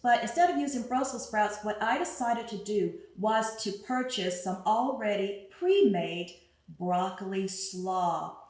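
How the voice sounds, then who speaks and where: A woman's voice: mid-range voice, unhurried, darkish tone. A woman hosting a home cooking demonstration, chatting upbeat as she works and talking herself through each step. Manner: chatty, upbeat, thinks aloud while working. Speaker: cooking show host. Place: home kitchen. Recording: very echoey room with music behind.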